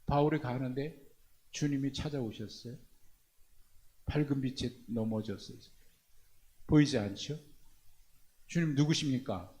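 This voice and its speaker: A male pastor preaching a sermon, asking his congregation rhetorical questions and swinging from hushed low phrases to loud emphatic ones. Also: unhurried, long pauses. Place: church prayer meeting.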